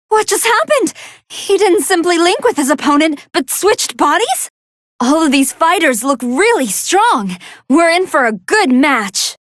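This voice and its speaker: Gentle young android scientist lady, really high voice, swoopy and expressive, analytical game commentator. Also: no room sound, clean studio sound, full character voice. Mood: startled, excited. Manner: polite, precise, analytical, expressive. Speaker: match commentator. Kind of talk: video game fight commentary, anime dub acting.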